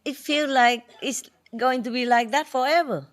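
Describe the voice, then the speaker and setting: A woman's voice: sits high, normal speed. A woman spiritual teacher chatting casually with a gathering, playful and laughing often, in broken English.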